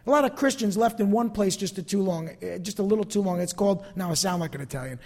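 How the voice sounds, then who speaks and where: A pastor delivers a sermon to his congregation, emphatic but conversational, repeating phrases for emphasis before closing in prayer. His voice is high-pitched and quick with a darkish tone, and the recording carries a long hall reverb.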